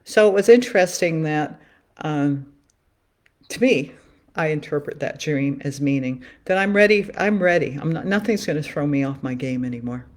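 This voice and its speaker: A woman's voice: sits low, expressive, normal speed, a little mellow. A woman talking on her own in a loose, earnest way, repeating phrases as she draws cards and muses. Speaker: spiritual card reader. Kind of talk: musing solo livestream talk.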